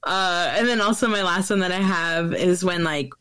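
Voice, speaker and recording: A woman's voice: lowish voice, moderate pace, fairly bright tone, clear, resonant tone. A young woman co-hosting a podcast, giggling as she retells favorite movie scenes and swearing now and then. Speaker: podcast co-host. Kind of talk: casual chat about a movie.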